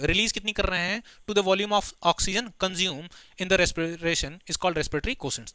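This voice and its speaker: A man teaching biology for an exam, explaining step by step, asking students quick questions and mixing in read-out English textbook lines. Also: high-pitched, sharp tone, no echo. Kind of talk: exam-prep lecture.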